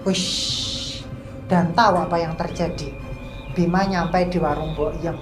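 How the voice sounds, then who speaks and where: A woman's voice: fairly low pitch, fairly even intonation, takes it slowly. A woman casually telling a mystical mountain story, chatty and full of slang and sound effects. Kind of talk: casual spoken horror storytelling. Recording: echoey room, faint music.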